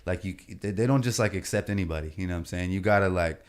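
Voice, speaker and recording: A man's voice: low-pitched, quick pace, smooth. A man talking as a podcast guest, a comedian telling stories in a laid-back, slangy way and leaning on "you know what I mean" and "bro" as he goes. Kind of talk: casual storytelling chat.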